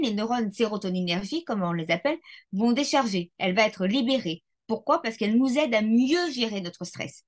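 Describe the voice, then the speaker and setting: Woman, neuroscientist guest, podcast interview, didactic, methodical, frequent hesitations, mid-pitched voice. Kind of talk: explanatory interview talk.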